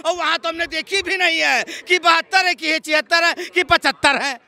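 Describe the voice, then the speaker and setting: A man's voice: extremely high pitch, steady tone, normal speed, gravelly, bright, forceful tone. A man arguing heatedly as a street interviewee, insisting on being heard and repeating his points. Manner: insistent, repeats himself, talks over others.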